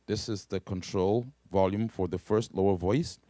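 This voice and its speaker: In a casual instrument demo, a man shows off a keyboard's sounds one step at a time, frequently adding "right?" and "okay?" amid fillers and halting restarts. His voice sits low and dark with fairly even intonation and no room sound, over keyboard pads and guitar.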